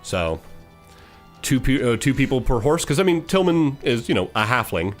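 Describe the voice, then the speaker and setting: A man narrating as game master, steady and matter-of-fact, with frequent pauses. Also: mid-range voice, soft background music.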